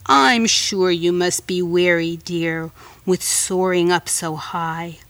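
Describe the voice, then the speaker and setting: A woman putting on a low, coaxing spider. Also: steady tone, takes it slowly, fairly bright tone, dry recording, distant mic. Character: cunning sweet-talking male spider.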